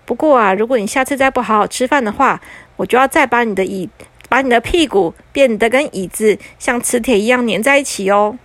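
A woman's voice: on the high side, brisk, no room sound, close to an everyday voice. A woman voicing a playful male magician who teases a child with mock innocence. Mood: lecturing.

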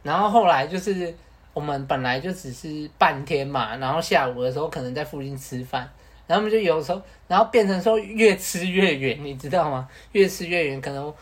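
A man's voice: fairly high pitch, fairly quick. Slangy Taiwanese-accented man telling a story. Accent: Taiwanese Mandarin. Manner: animated, slangy, peppered with Hokkien swearing. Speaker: podcast co-host. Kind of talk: casual storytelling.

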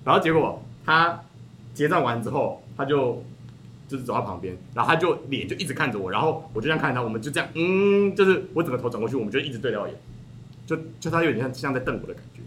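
A young man chats on a podcast, rattling through his story at a breakneck pace. His voice is bright and lively, rising and falling freely. A faint hiss of room ambience sits underneath. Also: mid-range voice, fast. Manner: animated storytelling, laughs often. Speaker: podcast host. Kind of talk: casual chat.

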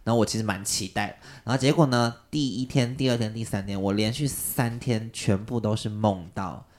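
Animated low-voiced man telling a story. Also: brisk. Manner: animated, jumps high when quoting people. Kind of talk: casual storytelling chat.

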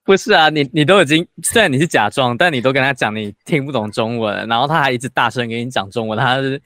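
Man co-hosting with quick teasing questions. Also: medium pitch, fairly bright tone, dry recording. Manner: short reactions and teasing follow-up questions. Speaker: podcast co-host. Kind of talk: casual chat.

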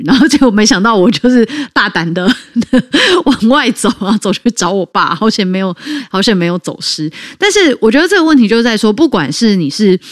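A woman's voice: lowish voice, no echo, clean studio sound. A woman with a Taiwanese Mandarin accent, co-hosting a podcast and telling a childhood story in a chatty way with many fillers. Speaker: podcast co-host.

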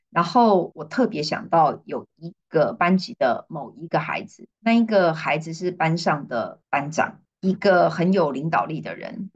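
A middle-aged woman with a low, husky voice. She speaks as a podcast guest and tells a story from her classroom with lively, expressive delivery. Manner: lively storyteller who acts out quoted dialogue. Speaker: guest, education coach.

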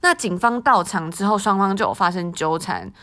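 A woman's voice: mid-range voice, animated, fairly quick, sharp tone. A woman podcast co-host with a Taiwanese Mandarin accent, discussing news casually and conversationally.

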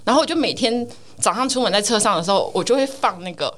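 一位三十多岁的女人，以活泼的语气在播客中闲聊、讲述自己的经历，常常笑出来。. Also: female voice, fairly high pitch, fast talker. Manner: animated storytelling, laughing often. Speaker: podcast co-host. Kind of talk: casual chat.

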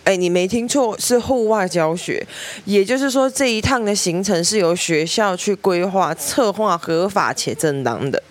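A young woman with a Taiwanese Mandarin accent, hosting a podcast and telling family stories in a lively way, acting out relatives' voices. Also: mid-range voice, moderate pace. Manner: lively storyteller, mimics family members, laughs often. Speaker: podcast host. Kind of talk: storytelling monologue.

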